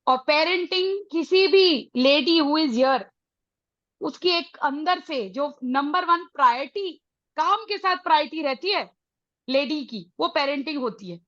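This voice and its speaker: A middle-aged woman with an Indian accent leading a motivational parenting session, mixing Hindi and English with emphatic, drawn-out phrases. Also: sits high, animated, fairly bright tone, no room sound, dull audio. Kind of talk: motivational talk to a live group.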